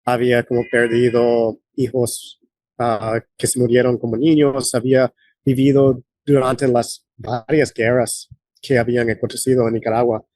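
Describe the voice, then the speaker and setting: A man in his late forties from the United States, a guest in an interview, talking in a halting way with many fillers and restarts. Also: mid-range voice, flat delivery, a little mellow, no room sound. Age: late 40s. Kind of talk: conversational interview.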